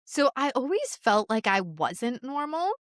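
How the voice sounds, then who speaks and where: A woman's voice: high voice, very animated, unhurried, no echo. Candid, blunt woman guest, dry sound. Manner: candid and blunt, often laughing while she talks. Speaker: podcast guest, author. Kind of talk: casual interview chat.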